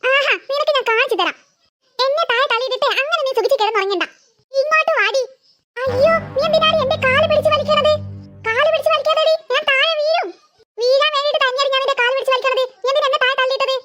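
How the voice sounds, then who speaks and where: A woman's voice: extremely high pitch, fast, sharp tone, soft background music. A woman doing whiny squabbling cartoon little girls. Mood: bickering. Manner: whiny, quarrelsome bickering. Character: two squabbling little schoolgirl sisters.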